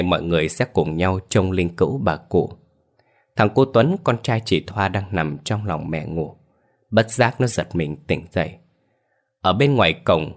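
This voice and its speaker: Low-voiced man narrating a ghost story.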